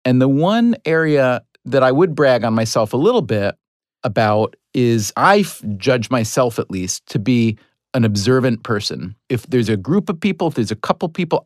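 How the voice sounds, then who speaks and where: A man's voice: medium pitch, no room sound, studio quality. A man in a casual podcast conversation as a guest author, rambling through his thoughts and laughing at his own slips. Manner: rambling, self-deprecating, laughs at himself.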